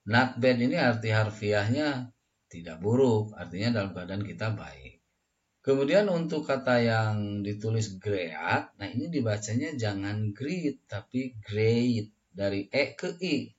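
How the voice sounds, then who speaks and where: Guy teaching english phrases, kinda low voice, says them for you to repeat. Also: dull audio. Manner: explains slowly, models English phrases for repetition. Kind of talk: language lesson.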